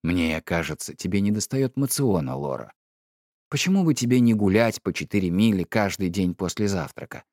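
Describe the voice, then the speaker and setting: A man reading an audiobook, voicing a stiff, pedantic middle-aged husband who talks in a slow, measured, reproachful way. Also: sits low, expressive, darkish tone, no room sound, clean studio sound.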